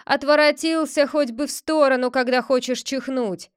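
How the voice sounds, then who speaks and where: A woman voicing a stubborn old village grandfather in a storybook reading, with loud exclaiming outbursts. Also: fairly high pitch, measured pace, dry recording, clean studio sound, close to an everyday voice. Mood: grumbling.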